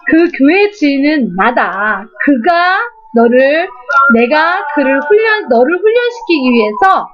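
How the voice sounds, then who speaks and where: A woman speaking the words of a gentle, comforting God in a slow, soft, solemn voice. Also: high voice, big pitch swings. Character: gentle comforting God, calm fatherly divine voice. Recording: dull lo-fi recording.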